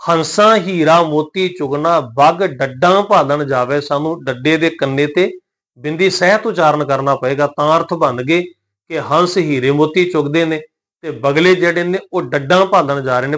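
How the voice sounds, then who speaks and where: Measured man teaching scripture. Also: fairly high pitch. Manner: calm, measured explanation, slowing down to recite verses. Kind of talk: religious lesson on scripture pronunciation.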